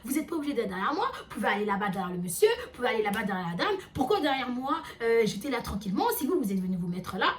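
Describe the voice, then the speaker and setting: A woman's voice: fairly high pitch, very animated, racing, hardly any pauses, far from the mic, slight background noise. A woman voicing an irritated older woman on a crowded train, indignant and insistent.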